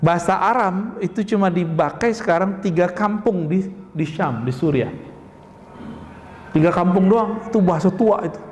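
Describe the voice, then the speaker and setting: A man's voice: high-pitched, moderate pace, a little mellow. A male Islamic preacher giving a conversational sermon, asking the congregation rhetorical questions and calling them Pak. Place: mosque. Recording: echoey mosque hall with long reverb.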